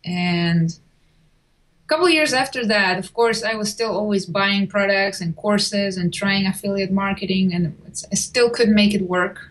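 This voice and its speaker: A woman's voice: mid-range voice, unhurried, fairly bright tone, low-quality recording. Chatty woman. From Chile. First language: Spanish. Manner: chatty, with frequent restarts and small laughs. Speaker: guest. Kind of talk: casual interview.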